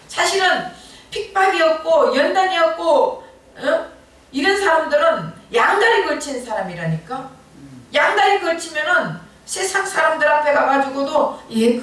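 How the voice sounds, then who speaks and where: Woman pastor, middle-aged, high voice, conversational sermon with emphatic peaks; distant mic in a very reverberant sanctuary. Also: a bit bright. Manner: earnest conversational preaching, rising emphatic bursts. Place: church sanctuary at a Friday night service. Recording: very echoey church hall from far off.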